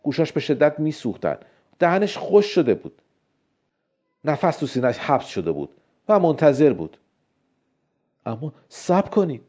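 A man's voice: sing-song, long pauses, warm tone. A man narrating a scary story and lifting his voice for the characters' lines. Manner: voices the characters with raised pitch. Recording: dull lo-fi recording.

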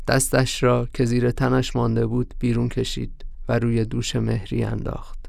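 Narrator: man with a heavily gravelly voice, grave and measured, dry close recording. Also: medium pitch, darkish tone, dry recording. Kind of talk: literary story narration.

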